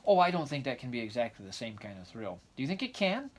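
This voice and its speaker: A man's voice: mid-range voice, sing-song. A man voicing an eager, dreamy orphan girl of about eleven in a storybook, chattering breathlessly and gushing. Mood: eager curiosity. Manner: breathless, gushing, rapid rambling.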